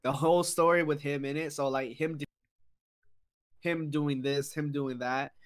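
A man's voice: on the high side, steady tone, moderate pace. Eager man retelling anime plots. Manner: eager storytelling, retells scenes. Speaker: podcast co-host. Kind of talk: casual chat about anime.

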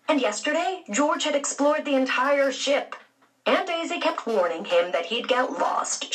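A woman reads a children's storybook aloud at an unhurried pace, her pitch rising and falling expressively. Her voice sits mid-range and sounds a little distant from the mic. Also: a bit bright. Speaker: narrator.

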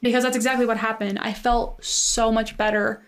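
A young woman casually telling a story, chatty and full of "like" fillers, animated in her retelling. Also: on the high side, moderate pace, clean tone.

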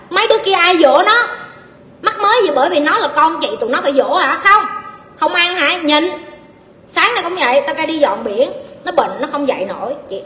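Blunt high-voiced Southern Vietnamese woman. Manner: blunt, scolding and forceful. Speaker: speaker answering audience questions. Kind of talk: blunt live Q&A talk. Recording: echoey hall, faint ambience.

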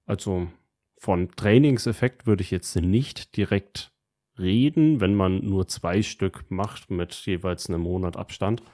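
Mellow, low-voiced man chatting casually. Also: a little slow. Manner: colloquial, slangy. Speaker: podcast co-host. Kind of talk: casual chat, telling about his week.

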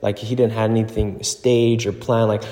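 A man's voice: fairly low pitch, level tone, moderate pace, mellow. Man talking in a very echoey gym. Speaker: podcast host and relationship coach. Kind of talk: casual solo talk, unscripted. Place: indoors in an echoing gym. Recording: very echoey gym, long reverb.

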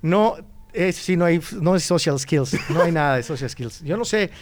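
A Mexican man talks as a podcast guest in a relaxed, lively way. His voice sits a touch high, and he keeps breaking into little acted-out quotes. He often trips over and restarts his sentences. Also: moderate pace, background noise. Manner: animated storyteller who acts out quoted voices, frequent restarts. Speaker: guest, student exchange organizer. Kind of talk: casual conversation.

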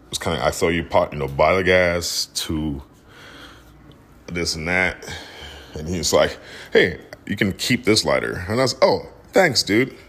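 A man's voice: rumbling low, a bit bright. A man hosting a podcast, casually telling a story in a laid-back way and laughing as he goes. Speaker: podcast host.

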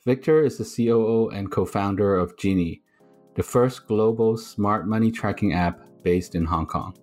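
A man hosting a podcast, reading a measured intro and then asking questions with some halting restarts. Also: lowish voice, darkish tone, faint music behind. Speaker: podcast host.

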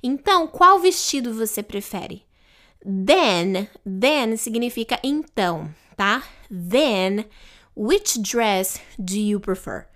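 A woman's voice: medium pitch, animated, takes it slowly, a bit bright. A woman with Portuguese as her first language, patiently explaining an English dialogue line by line and checking in often. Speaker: English teacher.

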